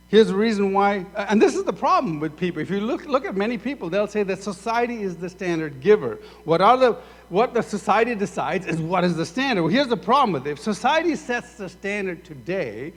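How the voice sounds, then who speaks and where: With a high pitch and normal speed, a Sudanese pastor gives a sermon in a reverberant church sanctuary. He animatedly stages imagined dialogues, taking both roles.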